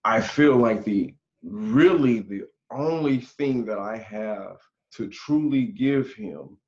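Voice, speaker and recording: A man's voice: fairly low pitch, slow, a little mellow. A forty-year-old man co-hosting a podcast, speaking earnestly in casual conversation and thinking aloud as he goes. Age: 40s. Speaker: podcast co-host. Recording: dull lo-fi sound.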